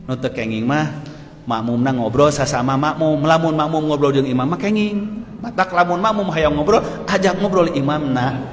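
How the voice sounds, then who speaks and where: A man with a Sundanese accent preaching a sermon, telling stories with lively energy, laughing often and shouting out the lines he quotes. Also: a little high. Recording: echoey hall with faint noise.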